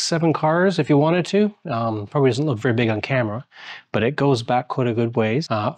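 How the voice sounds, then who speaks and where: A man's voice: medium pitch, no echo. Casual guy showing off his garden n garage, chatty and rambly, dry sound. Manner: rambling, lots of fillers and restarts. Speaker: homeowner giving a house tour. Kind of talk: casual walkthrough narration. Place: outdoor garden and large garage of an old house.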